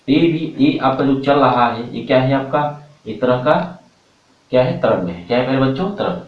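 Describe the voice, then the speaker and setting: A male teacher lectures his students, posing questions and repeating each answer so they can write it down. His voice sits at an ordinary middle pitch. The sound bounces around a roomy space and comes from some distance away from the mic. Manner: addresses students as dear children, repeats questions for the class to answer. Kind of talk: classroom lecture. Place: classroom with a board. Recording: roomy, from far off.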